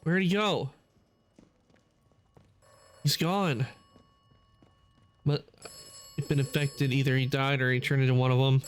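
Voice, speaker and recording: A man's voice: medium pitch, fairly even intonation, unhurried, pauses often, clean tone. A man giving casual commentary as he plays a game.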